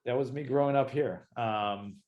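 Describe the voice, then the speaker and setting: Israeli guy in his 40s, startup founder, talks slow with lots of ums, mid-pitched. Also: lo-fi sound. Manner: hesitant, many fillers and restarts, relaxed. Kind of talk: casual interview.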